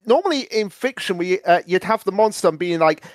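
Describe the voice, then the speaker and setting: A man's voice: high-pitched, expressive, brisk, no room sound. A man co-hosting a fan podcast, talking eagerly in casual chat. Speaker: podcast co-host.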